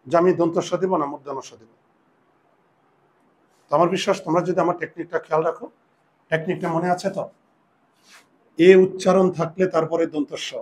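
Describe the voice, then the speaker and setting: Man teaching a class, somewhat high-pitched voice, repeats questions to students, spells words out slowly. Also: a little mellow. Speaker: Bengali teacher. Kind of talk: classroom lesson.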